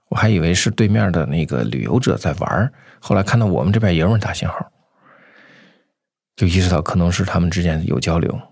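A man telling first-person stories in an unscripted interview, conversational and halting, often repeating phrases. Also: low-pitched, vocal fry, darkish tone, slightly rough, no room sound, clean studio sound. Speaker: anti-poaching patroller, interview guest.

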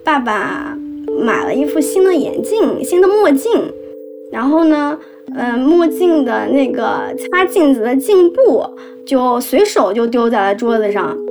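A young woman telling a painful personal story, halting and emotional with many restarts. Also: sits high.

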